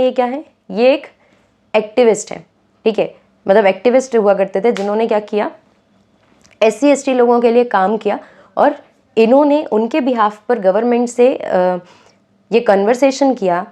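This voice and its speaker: A woman's voice: mid-range voice, mellow. A young woman teaching a school civics lesson in a conversational way, often checking in with her students and mixing English terms into her explanations. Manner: conversational, mixes English terms into Hindi, frequent "theek hai" check-ins.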